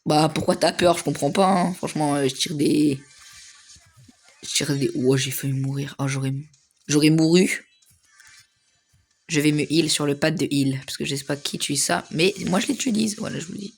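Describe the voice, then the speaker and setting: A young man giving casual, slangy commentary over his own gameplay, excitable and laughing often. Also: fairly high pitch, moderate pace, vocal fry. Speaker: gaming video creator.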